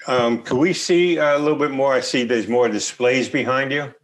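A man in his sixties hosts a video call interview from home, asking questions in a relaxed, conversational way. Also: medium pitch, moderate pace. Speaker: host. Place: home room, indoors. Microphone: video call, webcam.

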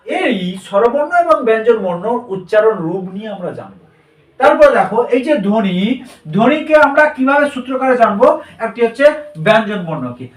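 A male teacher gives a grammar lesson with a high voice, big pitch swings and a brisk pace. He drills the class with call-and-response questions and repeats their answers back, recorded in an echoey room with the mic far off.

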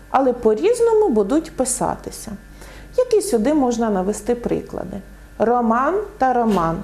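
A woman explaining word meanings in a clear, didactic lesson, giving many examples. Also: a little high, dark tone. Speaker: language teacher.

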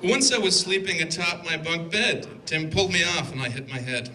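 Crowd noise and guests' laughter fill an indoor wedding reception hall as a best man in his twenties speaks at normal speed in a slightly high voice. He reads his toast from notes into a handheld mic, teasing the couple in a dry way.

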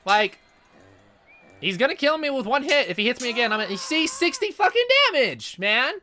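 A young man hosting a let's play, commentating loudly and excitably and swearing often at the game. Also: very high-pitched, a little fast, soft background music. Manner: loud, profane, excitable, yells at the game. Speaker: gaming channel host.

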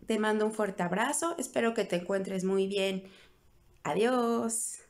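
A woman teacher leading small children in a greeting song and action game, slow and sing-song. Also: mid-range voice, darkish tone.

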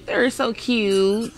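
A woman filming a casual vlog in a pet store on a handheld phone, giggling and cooing at the animals while she talks to her viewers. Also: on the high side. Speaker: vlogger.

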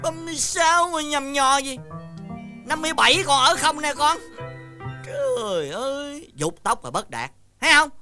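A man with a very high-pitched, expressive voice speaks at normal speed, playing an exasperated older village fortune-teller and father in a comedy sketch. He sighs and laughs theatrically over background music.

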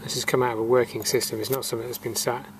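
Very fast and flat, a medium-pitched male voice carries a little hiss or hum in this outdoor yard recording from a camera mic. A refrigeration technician, he casually talks through what he's showing, thinking aloud matter-of-factly with fillers.

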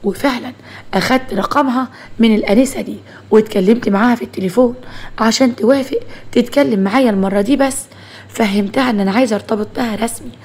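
Brief: woman voicing an earnest young Egyptian officer, quick and husky, storybook read. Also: a little high, a little mellow. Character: young male army officer, stiff and formal.

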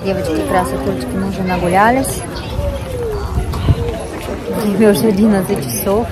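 A woman's voice: medium pitch, fairly even intonation, normal speed, over a noisy crowd. A young woman chatting casually to her vlog followers in short, affectionate phrases, recorded outdoors with wind on the mic. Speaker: family travel vlogger. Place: outdoors at a seaside resort. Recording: windy outdoor recording with loud ambient noise. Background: wind, people and street noise.

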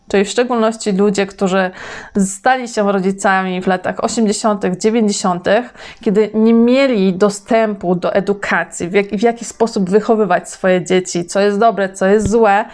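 A woman delivering a self-help monologue aimed at women. She speaks in a slow, deliberate way and addresses the listener directly, as a host talking to her audience. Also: mid-range voice, darkish tone.

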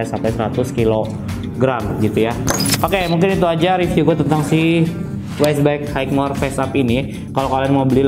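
A man in his thirties giving a casual product review, chatty and slangy, pausing with fillers as he handles the item. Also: mid-range voice. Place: studio with dark curtain, seated at table. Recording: voice over clear guitar music. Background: background guitar music.

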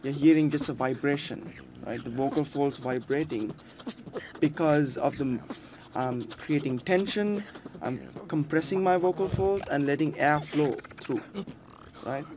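A man's voice: a little high, noisy background. A man in his twenties, a beatboxer, explaining his craft in easygoing talk with frequent fillers and restarts. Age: 20s. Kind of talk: casual interview talk.

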